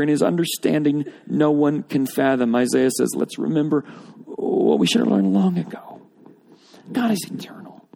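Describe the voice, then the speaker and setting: Gravelly-voiced man preaching a sermon. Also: on the high side, warm tone. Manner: expository preaching, rising emphasis on repeated phrases. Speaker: pastor. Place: church or auditorium with congregation.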